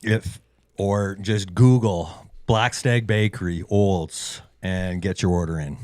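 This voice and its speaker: A man co-hosting a fly tying show, chatting in a relaxed way while eating. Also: deep voice, slow pace, smooth, no echo. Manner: relaxed, chatty, whispers for crunching sounds. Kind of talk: casual chat while eating.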